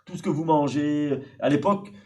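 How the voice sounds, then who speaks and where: A Frenchman older than his host speaks at a moderate pace in a voice on the high side. He's a guest on a stream, chatting casually and hesitating often through long explanations.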